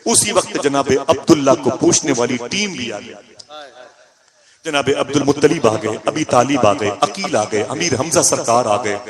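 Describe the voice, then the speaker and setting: A man's voice: lively intonation, moderate pace, a crowd in the background. Man preaching a dramatic sermon. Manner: dramatic, voices grief and quoted speech with rising pitch. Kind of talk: sermon storytelling.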